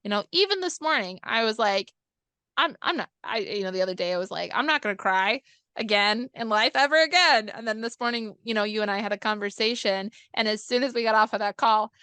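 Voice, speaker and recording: A woman hosting a podcast, talking in a heartfelt, expressive way about personal growth. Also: mid-range voice, fast talker, clean tone, dry recording. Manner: heartfelt, expressive, animated in retold quotes. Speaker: podcast host. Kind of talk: casual podcast chat.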